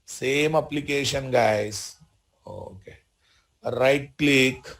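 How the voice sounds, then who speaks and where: A man's voice: mid-range voice, drawn-out words, creaky, a bit bright. Telugu-accented man teaching programming, repeating himself. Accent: Telugu Indian. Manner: repeats phrases, checks understanding with questions. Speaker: programming instructor. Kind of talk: live software tutorial.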